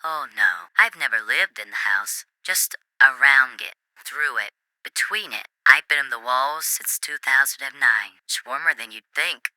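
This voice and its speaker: A woman playing an eerily serene wall-dwelling caller in an ASMR role-play, with a nervous, hushed, confessional manner on a comedy radio show. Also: extremely low pitch, expressive, measured pace, no room sound, exaggerated voice, low-quality recording. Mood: hushed, eerie calm. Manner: nervous, hushed soft-spoken like a late-night confession. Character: creepy, serene woman living inside house walls.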